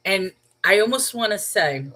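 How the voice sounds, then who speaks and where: A woman's voice: mid-range voice, animated, normal speed, pushed and bright, poor audio. A woman from New York telling a personal story on a livestream in a casual, chatty way, checking in with her listeners and wondering aloud. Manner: chatty, checks in with "okay?" and "all right?"; wondering aloud, rhetorical questions. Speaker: channel host.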